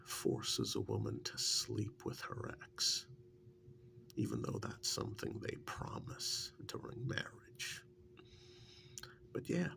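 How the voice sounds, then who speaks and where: In a soft-spoken ASMR role-play monologue, a man voices a character once kidnapped who has become a devoted partner, still embittered. His heavily acted delivery is soft, breathy, often half-whispered, rambling and confiding, over faint low rumbling noise.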